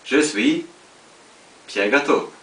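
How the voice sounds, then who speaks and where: Man, mock news anchor, stiff halting read, distant in an echoey room. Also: medium pitch, a bit bright. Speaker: news anchor in a parody newscast. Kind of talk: scripted mock newscast. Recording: echoey hall, far from mic, faint hiss.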